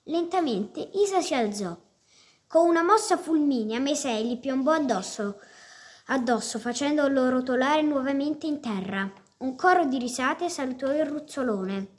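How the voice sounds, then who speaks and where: A woman reading a story aloud with steady expression. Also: high voice, moderate pace. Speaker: reader.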